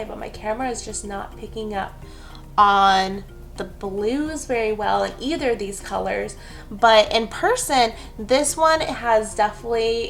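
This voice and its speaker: Her voice sits in the mid range with a fairly bright tone as she narrates a relaxed nail art how-to. She talks through every step in a rambling, chatty way, adding casual remarks about herself along the way.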